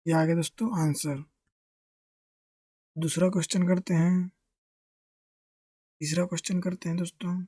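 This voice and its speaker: A maths teacher explains a lesson step by step in a mellow, warm voice. Questions are posed and answered in the same breath, with constant friendly address to the viewers. The sound is close and dry, with no room echo. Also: medium pitch, level tone, a little slow, pauses often, husky. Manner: asks questions and answers them himself; keeps addressing listeners as friends.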